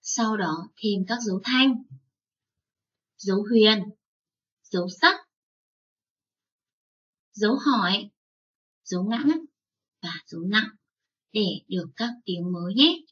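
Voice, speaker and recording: A woman teaching young children, spelling out sounds slowly and drawing out each syllable. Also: medium pitch, a bit bright, far from the mic, muffled recording. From Vietnam. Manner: slow, drawn-out spelling aloud. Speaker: first-grade teacher.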